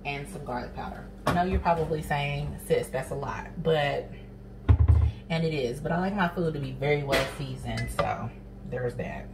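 A young woman with a deep voice and a moderate pace chats casually through a cooking demo in her home kitchen, calling viewers honey and sis. Audio quality is poor, with music, a sizzling pan, stirring, and frying noise in the background. She is a cooking vlogger, standing off to the side of a nearby camera.

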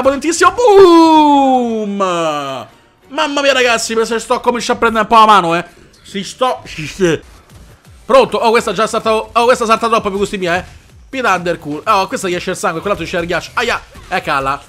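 A very high, bright male voice that swings widely in pitch. He comments on gameplay excitably, swears freely and makes punching sound effects, with faint music underneath. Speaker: gamer.

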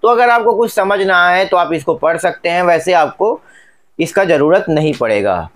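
A man with a fairly high voice talks viewers through a gadget unboxing. His delivery is chatty and repetitive, and he keeps pointing out each part as he handles it. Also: lively intonation, normal speed. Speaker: tech reviewer. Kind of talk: casual product unboxing narration.

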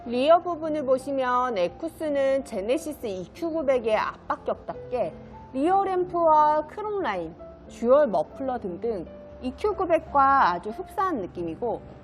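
Woman, used car dealer, high voice, animated intonation, polished promotional sales narration, polite. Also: unhurried, faint music behind.

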